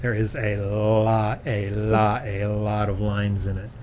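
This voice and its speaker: A middle-aged man chats about a show he just saw, in a low voice with a folksy, meandering way of talking. He often repeats himself while he gathers his thoughts. A faint hiss of background noise sits under the recording. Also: little pitch movement, takes it slowly, a little mellow. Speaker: theater review host. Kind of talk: casual chat.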